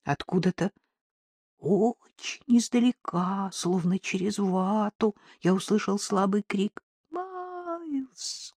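A woman reading an audiobook aloud, narrating in the first person as a dog, with expressive, dramatic storytelling. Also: medium pitch, slow, breathy edge, no echo, clean studio sound. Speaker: audiobook reader.

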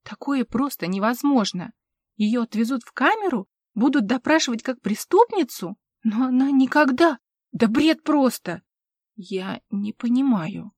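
Woman narrating a dark fantasy audiobook. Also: sits high, normal speed, dry recording, clean studio sound. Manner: expressive, dramatic reading. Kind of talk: scripted narration.

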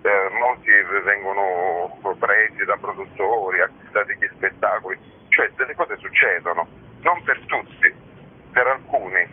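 Speaking at a measured pace with a lowish voice, a man talks about his role as festival organiser in a casual radio interview, with slight background noise. His manner is matter-of-fact, frank and discursive, and the recording sounds muffled and lo-fi.

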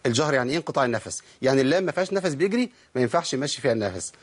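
Fast-talking Egyptian man teaching tajweed. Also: mid-range voice, expressive. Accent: Egyptian Arabic. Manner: explains with repeated questions to the listeners, demonstrates sounds. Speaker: Quran recitation teacher. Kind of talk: tajweed lesson.

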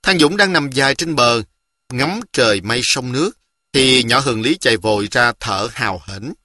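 A man reading a children's novel aloud in a lively storytelling manner. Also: mid-range voice, normal speed, dry recording.

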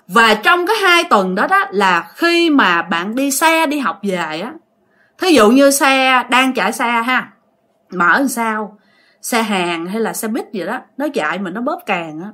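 A woman with a Southern Vietnamese accent tells a ghost story. She talks to her listeners in a chatty, direct way. Her voice is high and bright, and it rises and falls a lot.

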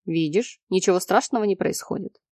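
A woman voicing a guarded, brooding young man in an audiobook, speaking in a quiet, clipped way with her voice pitched lower than her narration. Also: fairly quick, dry recording, clean studio sound, natural voice. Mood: tense. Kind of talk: audiobook character reading.

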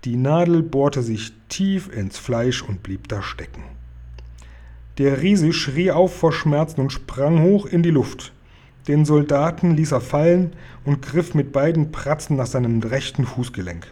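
A man reading a children's book aloud in a lively storytelling way, stretching out key phrases. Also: a little high, measured pace. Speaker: reader.

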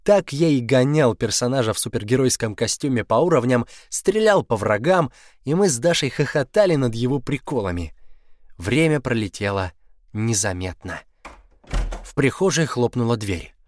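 A man's voice: mid-range voice, no room sound. Man reading a story aloud, dry sound. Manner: expressive reading, slowing down to linger on key words. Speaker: audiobook narrator. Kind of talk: first-person scripted narration.

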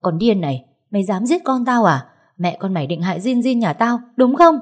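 A woman reading a story voices a furious young mother who hurls shrill accusations. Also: lively intonation, fairly quick, dark tone, breathy edge. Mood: enraged.

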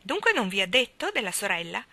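Woman putting on a snide young gossip girl, bright mocking sing-song voice. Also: medium pitch, very animated, a little fast, no room sound, heavily acted. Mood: taunting.

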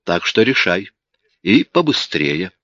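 A man reading an audiobook, voicing a smug, sharp police detective who talks in a cool, mocking way. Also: low voice, very animated, slow, no room sound, full character voice. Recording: dull lo-fi audiobook recording.

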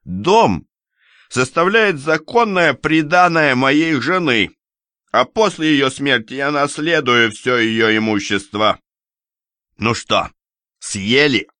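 A man's voice: mid-range voice, animated, slow, bright, forceful tone, no room sound, studio quality, voice pushed up. A man voicing an insolent, sneering young nobleman who mocks his in-laws. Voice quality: brash, mocking.

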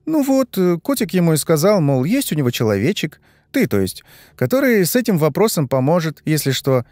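A man's voice: on the high side, sing-song, a little mellow, no room sound, clean studio sound, voice pushed up. Man doing a chirpy gossiping young woman. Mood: chattering. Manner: chirping, fast-flowing, fawning.

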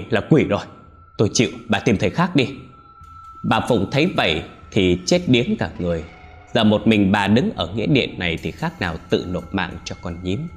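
A man giving steady, scripted narration of a ghost story. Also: on the low side.

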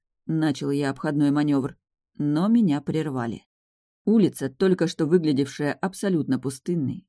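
Audiobook narrator, first-person fantasy, ironic, even delivery, mid pitch, dry close recording. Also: no echo.

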